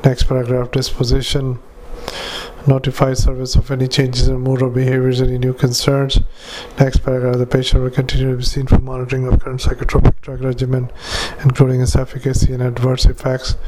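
A clinician dictating a patient report into a dictaphone, halting with frequent filler sounds and restarts. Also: male voice, medium pitch, monotone, background noise. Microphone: handheld dictaphone.

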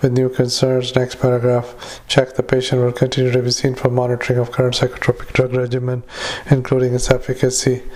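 A male clinician dictating clinical notes into a dictaphone recorder, halting with many filler sounds. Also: medium pitch, completely flat delivery, a little mellow. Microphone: handheld dictation recorder.

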